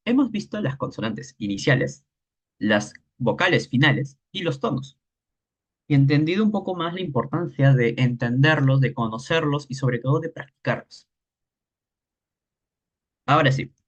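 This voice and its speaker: Lively-pitched man teaching tones. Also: highs cut off. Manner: demonstrates tones with drawn-out syllables. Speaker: Mandarin teacher. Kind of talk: online workshop lesson.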